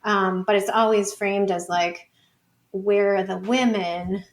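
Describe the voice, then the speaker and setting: Speaking slowly in a steady, mid-range voice, a woman researcher talks as an interview guest on a podcast. Her manner is relaxed and conversational, full of "like" and "you know."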